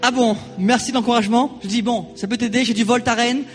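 Brief: high-pitched male pastor, animated storyteller, church reverb, faint music behind. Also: fast. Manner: animated storytelling, acting out quoted voices. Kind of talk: sermon with personal anecdote.

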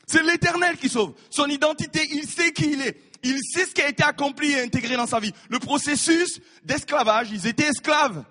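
A man preaching a sermon, animated, repeating his words and acting out the people in his stories. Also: very high-pitched, fairly quick, hardly any pauses. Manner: animated, repeats words, acts out voices of biblical figures. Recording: reverberant hall.

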